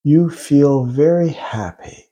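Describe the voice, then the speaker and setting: A man leading a guided hypnosis session in a slow, soothing, drawn-out way, counting down into trance. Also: on the high side, mellow.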